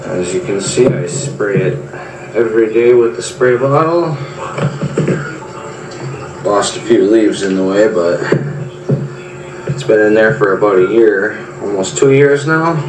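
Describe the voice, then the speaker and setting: A man casually showing his plants in a home video, describing them in a plain, low-key way. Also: expressive, a little slow, pauses often, music in the background. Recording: echoey room, far from mic, background noise.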